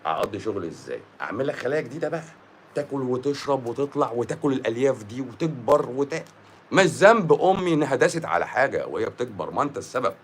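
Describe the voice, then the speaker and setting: A man's voice: mid-range voice, sing-song, racing, a little hiss or hum. A man with an Egyptian accent, a doctor giving a blunt, scolding monologue on a live stream and mixing English words into his speech.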